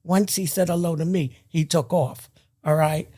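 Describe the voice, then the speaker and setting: A woman guest and former bar owner telling stories in casual talk, emphatic and animated. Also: sits low, normal speed. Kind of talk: casual storytelling.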